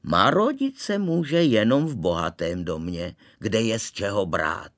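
A man reading a storybook aloud, voicing a fussy, preachy middle-aged aunt in a thin, shrill, indignant voice. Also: sing-song, a bit bright. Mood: scolding.

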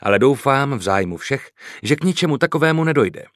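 A man's voice: medium pitch, animated, a bit bright, dry recording, pitched above the performer's own voice, close to an everyday voice. A man reading the lines of a commanding young nobleman in an audiobook, dry and ironic.

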